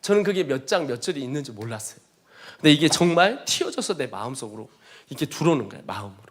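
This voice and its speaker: A man's voice: medium pitch, very animated, quick pace. A missionary giving a testimony sermon, telling his story in an earnest, emotional way.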